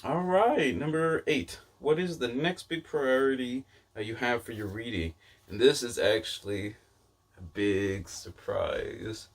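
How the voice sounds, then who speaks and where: A book vlogger and channel host chats casually to camera, rambling and frequently doubling back mid-thought. His voice is medium-pitched and unhurried.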